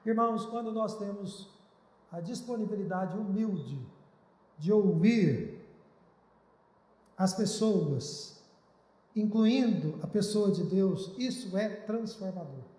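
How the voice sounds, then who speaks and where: A man's voice: high-pitched, slow pace, long pauses, warm tone. A male pastor preaching a sermon in an earnest, pleading way, recorded in a church. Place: church hall. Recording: echoey church hall.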